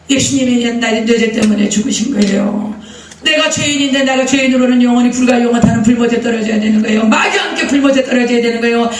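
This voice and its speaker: A woman's voice: high-pitched, far from the mic. A middle-aged woman pastor delivers an emphatic sermon, driving her story forward with rhetorical questions to the congregation. Her voice comes from some way off the microphone and rings around a roomy church hall, with a faint hum of ambience underneath. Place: church sanctuary.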